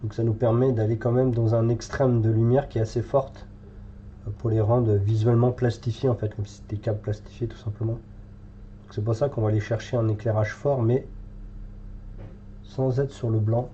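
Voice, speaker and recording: A French man with a congested cold paints live in a hobby tutorial, thinking aloud with lots of fillers. His medium-pitched voice is warm but flat, at a moderate pace. The audio is dull with slight background noise.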